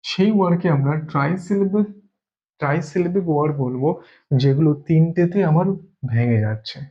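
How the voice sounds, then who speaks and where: A man's voice: fairly high pitch, fairly quick, dull audio. A man from Bengal teaching an English grammar lesson, explaining step by step and repeating key words as he goes.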